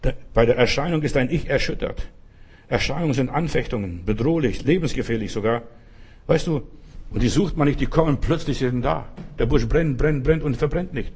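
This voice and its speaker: A man's voice: medium pitch, a little fast, a little mellow, husky. A man preaching a sermon, emphatic and repetitive, speaking straight to the listener. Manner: emphatic, repeats phrases, addresses listener as du.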